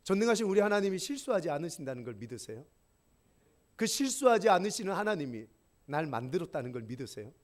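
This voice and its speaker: Male pastor, church sermon, fairly high voice, swinging emphatic delivery, rhetorical questions. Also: very animated, fast. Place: church worship service.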